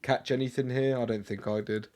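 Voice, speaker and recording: A man co-hosting a podcast, relaxed and casual, moving the talk on to the next part. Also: mid-range voice, brisk. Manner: laid-back, steers the talk to the next part. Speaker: podcast co-host. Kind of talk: casual chat.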